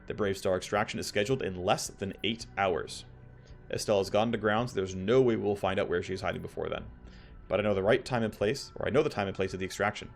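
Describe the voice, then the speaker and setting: A man's voice: fairly low pitch, quick pace, vocal fry, soft background music. A man reading the game dialogue of a hard, businesslike crime boss, blunt and commanding. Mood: grim, commanding.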